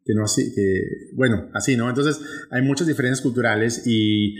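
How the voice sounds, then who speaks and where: A young man with a northern Mexican accent co-hosts a podcast, talking casually and rambling with lots of restarts. His voice sits in the mid range and he speaks at a moderate pace.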